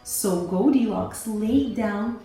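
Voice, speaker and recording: A woman, a teacher, reading a story aloud to children in a slow, animated, sing-song way. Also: medium pitch. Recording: very echoey room, faint music.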